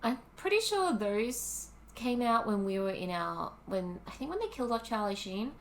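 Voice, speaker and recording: A woman's voice: fairly high pitch, very animated, normal speed. Chatty Australian woman co-hosting a podcast. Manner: chatty, laughs often, lots of ums. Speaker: podcast co-host. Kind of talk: casual chat. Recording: roomy with faint ambient noise.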